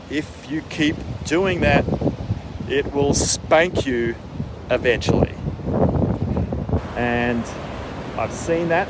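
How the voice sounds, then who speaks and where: A man giving casual, emphatic wellness advice like a coach, checking in with the listener as he talks. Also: a little high. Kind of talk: casual spoken advice vlog. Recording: windy outdoor mic, boat and water noise.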